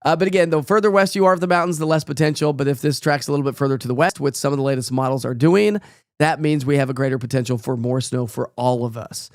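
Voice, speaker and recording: Talking fast in a mid-range voice, a male meteorologist gives a casual live weather forecast while a cold steals his voice. He rambles in a chatty, folksy way with plenty of fillers; the recording is dry and clean, studio-grade.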